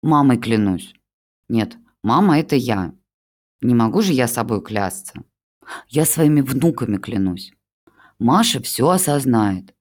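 An audiobook reader takes on the part of a melodramatic older mother who acts like a pitiful old woman and lays on gushing, theatrical flattery for her son-in-law. The pitch is medium and the pace unhurried.

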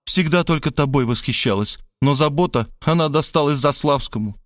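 Man doing a doting dramatic woman, high-pitched, gushing exclamations, dry audiobook sound. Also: a little fast, no echo, natural voice. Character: pleading, theatrical middle-aged woman, doting and dramatic. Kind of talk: audiobook character voice.

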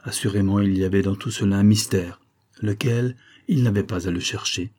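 A man reading a novel aloud as an audiobook, with steady, measured narration. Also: fairly low pitch. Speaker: audiobook reader.

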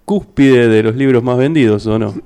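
A man hosting a radio show, chatting in a relaxed, rambling way and correcting himself as he goes. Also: mid-range voice, normal speed, a little hiss or hum. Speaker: radio host. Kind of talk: casual radio chat.

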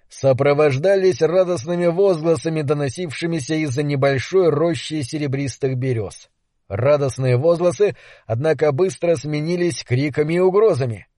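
A man reading an audiobook in measured, even scripted narration. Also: a little high, dry recording, clean studio sound.

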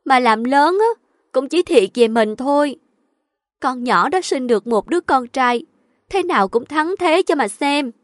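A woman's voice: high-pitched, expressive, measured pace, dry recording, clean studio sound, voice pushed up. A woman voicing a spoiled, whining young married daughter complaining to her mother. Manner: whiny, complaining.

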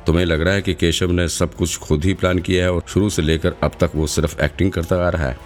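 A male narrator voicing a sharp-minded young woman investigator who probes and reasons aloud in an audiobook. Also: low-pitched, little pitch movement, fairly quick, soft background music, natural voice. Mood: analytical.

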